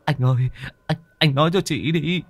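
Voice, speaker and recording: A man's voice: on the high side, moderate pace, breathy edge, no echo, pitched above the performer's own voice. A man voicing a frightened, stammering young man who whines as he pleads. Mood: pleading.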